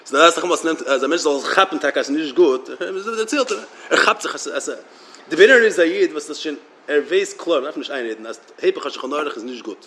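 A man giving a Torah lecture as a religious teacher, halting and often repeating words as he restarts his sentences. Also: on the high side, bright, forceful tone.

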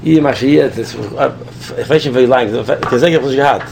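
Guy with a gravelly voice telling his own story, lots of restarts, faint hum behind. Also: mid-range voice, moderate pace. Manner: animated, restarts and repeats, switches between languages. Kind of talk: personal anecdote, casual.

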